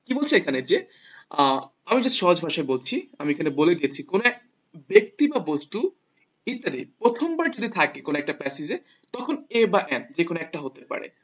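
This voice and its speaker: A man's voice: on the high side, very animated, moderate pace, a bit bright, slightly rough. Patient man teaching grammar, lo-fi sound. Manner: patient, repeats rules step by step. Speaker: English teacher. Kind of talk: explaining grammar to viewers. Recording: dull lo-fi sound.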